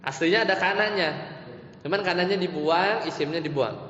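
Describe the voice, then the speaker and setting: A man teaching Arabic grammar in an Islamic study class, explaining slowly, repeating terms, and asking and answering his own questions. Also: high voice, fairly bright tone. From Indonesia. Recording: echoey lo-fi hall recording with faint hum.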